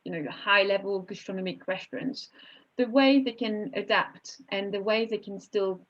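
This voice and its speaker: Woman webinar host, chatty and restarting often, mid-pitched, dull lo-fi call audio. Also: normal speed. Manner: chatty, many fillers and restarts. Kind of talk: hosting a panel webinar.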